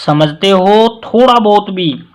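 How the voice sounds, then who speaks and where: A man's voice: sits high, expressive, slow. A man teaching English grammar in a casual classroom way, mixing Hindi with English and hitting key words hard, often addressing listeners with a polite "ji". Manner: stresses words loudly, mixes Hindi with English.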